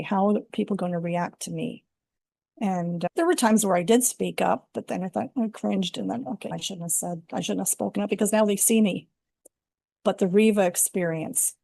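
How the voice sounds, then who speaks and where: An older woman from Canada, a women's life coach appearing as an interview guest, tells her personal story earnestly and reflectively. Her mid-range voice is creaky with a dark tone, recorded as clean studio sound with no room sound.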